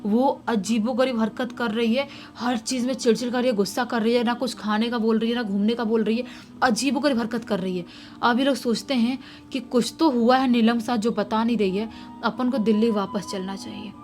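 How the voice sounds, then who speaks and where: High-voiced woman telling a horror story. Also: fairly quick. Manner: lively, acts out shouted quotes. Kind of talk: casual horror story retelling. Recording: faint music underneath.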